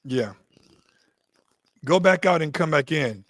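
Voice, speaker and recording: A man hosting a casual online interview in a relaxed, plain-spoken way. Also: a little high, slow pace, no echo. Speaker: host.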